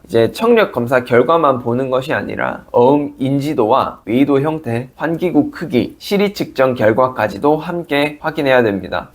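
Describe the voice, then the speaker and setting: Male audiologist, mid-pitched, calm polite explainer, video lesson. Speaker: audiologist and hearing center director.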